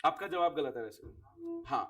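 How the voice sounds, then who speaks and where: A man's voice: on the high side, animated, moderate pace, fairly bright tone, far from the mic, soft background music. A man teaching accounts to a class of students, quizzing them, repeating key words and sending off those who answer right.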